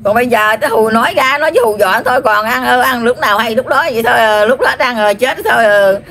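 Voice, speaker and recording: A woman with a Southern Vietnamese accent speaks in trance, channeling an elderly grandmother spirit. Her voice sits a little high, and she scolds and rambles, circling back to the same points with drawn-out fillers, over a faint background hiss. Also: fairly bright tone. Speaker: spirit medium.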